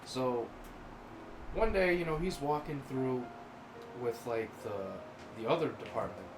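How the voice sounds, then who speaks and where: A man's voice: medium pitch, takes it slowly, roomy sound, music in the background, poor audio. A man co-hosting a podcast, casually telling rambling, crude workplace stories. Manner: rambling crude anecdotes, acts out quoted voices. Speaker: podcast co-host. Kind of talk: casual storytelling chat.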